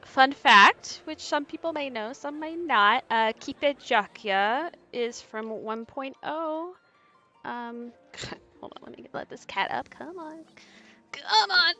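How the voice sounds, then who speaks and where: A woman's voice: a little high, lively intonation, pushed and bright, faint music behind. A woman chatting casually and playfully while she streams a game at home. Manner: playful, chatty, quick to laugh. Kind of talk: casual let's-play commentary. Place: home, with her cat. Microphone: desk microphone.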